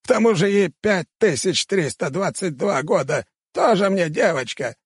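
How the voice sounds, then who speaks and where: A man voicing a grumpy, rude old male tree-creature shopkeeper in an audiobook, snapping in a raspy, high-pitched voice. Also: animated, normal speed, no echo, studio quality, heavily acted. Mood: indignant.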